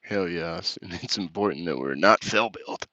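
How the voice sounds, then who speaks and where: A man with a deep, low voice chats on a live stream between push-up sets. His tone is bright and forceful, and the sound is dry and close. He swears casually, laughs at the comments and sounds a little winded. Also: moderate pace, no room sound, lo-fi sound. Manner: crude, joking, reads chat comments aloud with laughs.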